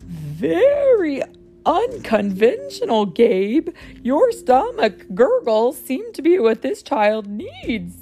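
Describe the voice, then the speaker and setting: A woman voicing a strict, proper male monster teacher who gives loud, precise commands, with music playing behind. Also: sits high, huge pitch swings, takes it slowly, heavily acted. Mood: stern.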